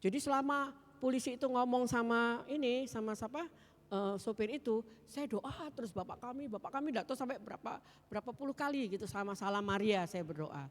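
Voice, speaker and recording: A woman giving a spoken church testimony, telling her story with lively energy and acting out the voices of others. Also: on the high side, fairly quick. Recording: hall with long reverb.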